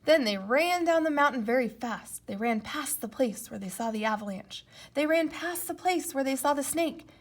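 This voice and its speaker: A woman reading a children's storybook aloud as an expressive narrator. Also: high-pitched, moderate pace, few pauses. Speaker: storybook reader.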